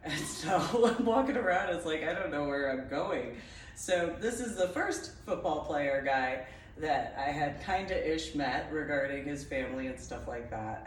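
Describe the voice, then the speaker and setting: A woman's voice: rumbling low, a little hiss or hum. A woman from New Jersey telling a meandering personal story in casual talk, laughing often at herself. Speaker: vlogger telling personal stories. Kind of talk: casual rambling anecdote. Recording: roomy echo, voice far from mic.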